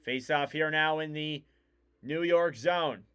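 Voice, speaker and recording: A man giving casual live play-by-play commentary on a hockey game, getting louder and keener on the big plays. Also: fairly high pitch, takes it slowly, clear, resonant tone.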